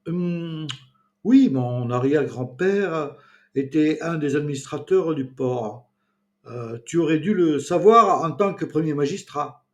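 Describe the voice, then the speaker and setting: A man's voice: a little high, a little slow, voice pushed up, lightly acted. A man doing a smug, mocking townsman.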